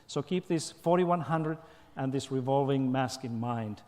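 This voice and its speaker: A man from Finland giving a lively public lecture, coaxing the audience with frequent "okay?" and "right?". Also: mid-range voice, a little slow. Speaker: guest lecturer. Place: large university auditorium. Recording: long hall reverb.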